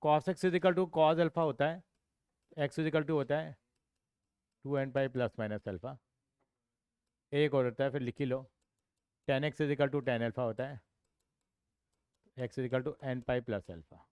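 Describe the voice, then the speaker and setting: Male tutor, walks students through each step with quick questions, smooth and dry. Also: medium pitch, fairly even intonation, darkish tone, no echo. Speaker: accounts and maths tutor. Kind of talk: classroom teaching.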